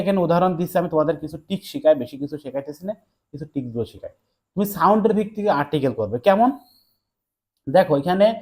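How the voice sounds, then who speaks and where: A young man teaching an exam-prep English lesson, talking quickly to his students and telling them again and again to look at the board. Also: a little high, a little mellow. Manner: rapid, repeats "look" to students.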